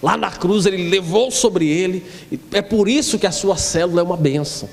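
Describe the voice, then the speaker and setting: A man preaching a sermon with a gravelly, somewhat high voice that swings between shouts and low acted-out quotes. His voice rings through a large hall with a long echo and a faint background hum. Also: brisk. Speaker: pastor.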